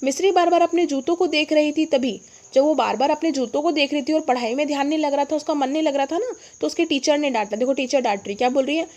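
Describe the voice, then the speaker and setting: A woman's voice: high voice, fast, darkish tone. A woman teacher explaining a story lesson to children, often asking the class questions and answering them herself. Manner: asks the class rhetorical questions.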